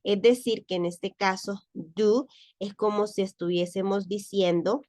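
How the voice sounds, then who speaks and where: A woman teaching a lesson who speaks slowly and patiently, pausing on fillers and asking the class why before she answers. Her voice sits in a middle register and sounds close and dry, with little room echo. She reads examples. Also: mid-range voice, fairly even intonation, darkish tone. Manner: patient, explanatory, many fillers and repeated questions. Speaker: French teacher. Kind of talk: explaining grammar in class.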